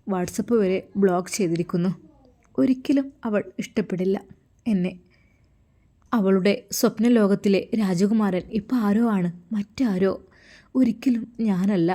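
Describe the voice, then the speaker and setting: A woman's voice: medium pitch, a little slow, dark tone, close to an everyday voice. A woman with a Malappuram Malayalam accent voicing a feverish, heartbroken young man who talks in a weary, tearful way.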